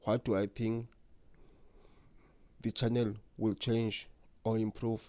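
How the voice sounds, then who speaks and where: A young South African who stutters takes it slowly, speaking in a lowish, mellow voice with flat delivery in a dry recording. Earnest and unhurried, he talks about himself as the host of his own channel. It's a personal vlog to camera, marked by repeated words and blocks.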